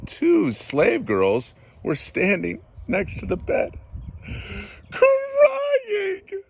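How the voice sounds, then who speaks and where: A man teaching Latin, reading a story aloud to his class in a slow, theatrical way and translating line by line. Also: mid-range voice.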